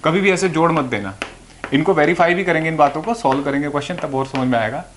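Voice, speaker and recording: A man's voice: a little high, animated, fast talker, slight background noise. A man teaching physics to students, explaining patiently and answering his own questions as he goes. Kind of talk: classroom lecture. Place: classroom or room with a board.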